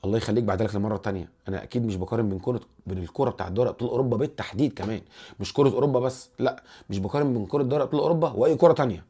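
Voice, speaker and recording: A man with an Egyptian accent hosting a casual football commentary vlog, animated and rambling, restarting his words often. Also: medium pitch, rapid-fire, breathy edge. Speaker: football channel host.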